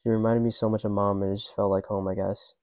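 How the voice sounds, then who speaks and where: Young man narrator, low and monotone, mellow and subdued, dry close recording. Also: fast, dry recording. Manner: subdued, grieving, restrained. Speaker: podcast co-host narrator. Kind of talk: scripted personal narration.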